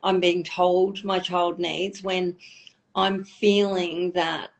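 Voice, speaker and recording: A woman speaking as a guest expert in a live online conversation, thoughtful and measured, slowing down on key points. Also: on the low side, level tone, gravelly.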